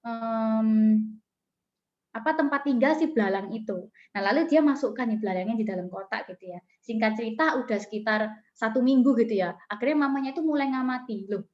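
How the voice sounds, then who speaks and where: A woman's voice: on the high side, fairly quick, a little mellow, highs cut off, faint music behind. A woman mentor giving a coaching talk and telling a story, chatty and full of fillers, addressing her audience often over a video call. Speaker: business mentor.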